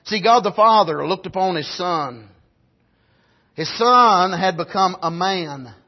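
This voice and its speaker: A man's voice: sits high, lively intonation, slow pace. A middle-aged man with an Appalachian accent preaching in a folksy storytelling style, repeating and restarting phrases for emphasis. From rural United States, grew up on a farm. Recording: dull, lo-fi sermon recording.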